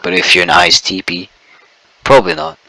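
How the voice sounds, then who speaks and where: A man talking to camera in a rambling monologue, restarting phrases and stuttering as he rushes ahead. His voice is very bright and edgy, with a low pitch. The sound is dry and close. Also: huge pitch swings, vocal fry, no room sound, rough recording. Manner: fast, stumbling, stuttering restarts. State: sleep-deprived. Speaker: video blogger. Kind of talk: casual spoken monologue.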